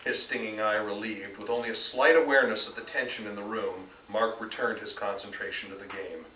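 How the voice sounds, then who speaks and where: Brisk, bright and forceful, an American author's voice sits on the low side and holds steady as he reads his novel aloud at an indoor bookstore event. The live recording is distant and roomy, with faint noise.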